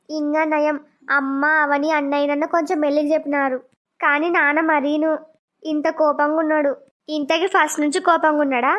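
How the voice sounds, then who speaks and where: A woman's voice: high-pitched, natural voice. A woman voicing a spoiled young married daughter who pleads and whines, on a dull lo-fi recording. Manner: whiny, pleading.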